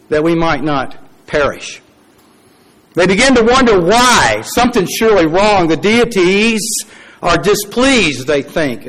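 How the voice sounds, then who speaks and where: A man preaching a sermon, telling a story with dramatic pauses, acted quotes and wry, folksy asides. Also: high-pitched, fairly bright tone, rough recording.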